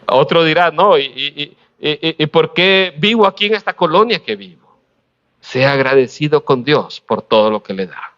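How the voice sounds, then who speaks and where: A man from Honduras preaches, his voice sitting somewhat high. He works through the sermon with pauses and rhetorical questions, laughing lightly now and then. The recording is muffled and lo-fi. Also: expressive, a bit bright.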